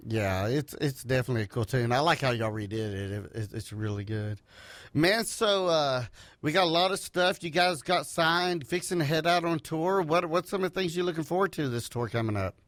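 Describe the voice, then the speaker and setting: A man's voice: a little high, brisk, a bit bright, dry recording. A man hosting a radio interview in a studio, friendly and folksy. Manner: friendly, folksy, uses "y'all" and "fixing to". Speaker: radio host.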